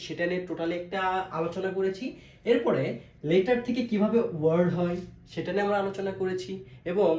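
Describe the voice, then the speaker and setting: High-voiced man teaching in an echoey room. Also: a little mellow. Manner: asks questions and answers them himself, repeats key terms. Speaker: English teacher. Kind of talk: classroom-style video lesson. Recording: echoey room, faint background noise.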